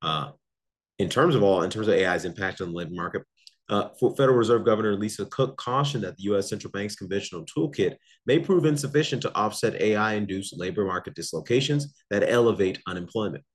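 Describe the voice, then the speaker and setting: Male host, low register, confident and analytical, delivering market commentary and listener Q&A. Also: fast talker, slightly rough. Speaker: host of a macro investing research show.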